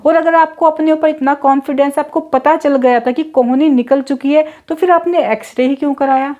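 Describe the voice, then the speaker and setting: High-voiced indignant woman vlogger. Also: fairly even intonation, moderate pace, dark tone, muffled recording. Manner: indignant, rhetorical, addresses viewers directly. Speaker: vlogger, mother. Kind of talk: casual storytelling to camera.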